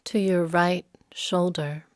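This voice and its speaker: A woman teaching yoga nidra leads a guided meditation, soothing and unhurried, with long pauses. Her voice is on the low side with a steady tone, captured in a dry, studio-quality recording.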